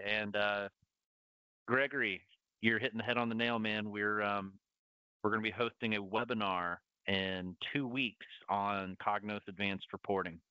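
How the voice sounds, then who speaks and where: A man's voice: on the low side, clear, resonant tone, no room sound, highs cut off. A man with a Southern US accent hosting a webinar, upbeat and promotional as he wraps up the session. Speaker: host. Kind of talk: webinar wrap-up.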